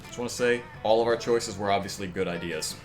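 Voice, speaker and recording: A man's voice: fairly low pitch, fast, soft background music. A man chatting casually as a co-player during a game.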